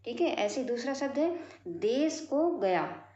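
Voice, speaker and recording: A woman teacher explaining grammar to pupils, going over each point slowly and again, asking if they follow. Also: high-pitched, sing-song, dark tone. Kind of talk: classroom grammar lesson. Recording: echoey room, dull lo-fi sound.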